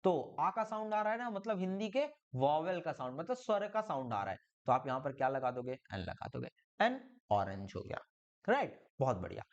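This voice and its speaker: A man's voice: fairly high pitch, moderate pace, muffled recording. A man with a Hindi accent teaching an English grammar lesson, encouraging students and often checking that they follow. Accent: Indian Hindi. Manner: encouraging, repeats "बहुत बढ़िया" and "ठीक है?" often; lively, sing-song teacher delivery.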